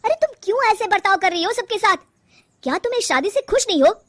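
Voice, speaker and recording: A woman voicing a gentle young husband who coaxes and questions his wife. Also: very high voice, very animated, brisk, pitched above the performer's own voice. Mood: earnest. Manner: coaxing, earnest.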